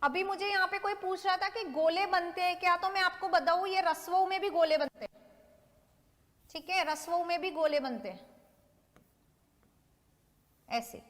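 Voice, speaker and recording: Female teacher, very high pitch, slow drilled delivery, long reverb trailing each line. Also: a bit bright. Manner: slow, repeats each word for students to note down. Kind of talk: online class lesson.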